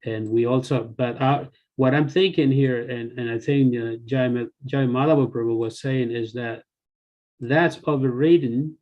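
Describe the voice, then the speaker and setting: A man in his sixties, born in El Salvador and raised in the US and Canada, talking haltingly with many fillers on a video call. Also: medium pitch, steady tone, dull audio. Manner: hesitant, many fillers and restarts. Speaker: longtime devotee joining the call. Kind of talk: casual discussion on a video call. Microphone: video call computer mic.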